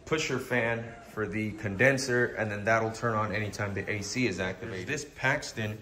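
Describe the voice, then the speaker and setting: A car builder who is losing his voice to a cold, with a stuffy nose, gives a casual walkaround narration of a car in his garage, rambling with many ums and uhs. His voice is fairly low, bright and forceful at normal speed, in a roomy recording with a little hiss or hum.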